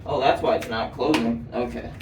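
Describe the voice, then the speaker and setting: A man's voice: mid-range voice, fairly even intonation, moderate pace, far from the mic, background noise. A young man telling a story casually, with lots of swearing and fillers while he works. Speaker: vlogger. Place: indoor room while doing manual work. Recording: echoey room, voice off-mic.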